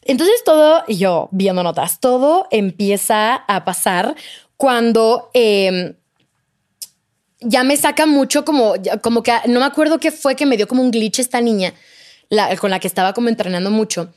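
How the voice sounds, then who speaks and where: With a fairly high-pitched voice at an ordinary pace, a young podcast guest chats casually through a personal anecdote. Her delivery is lively, packed with quoted dialogue from other people and frequent fillers such as "de que" and "o sea."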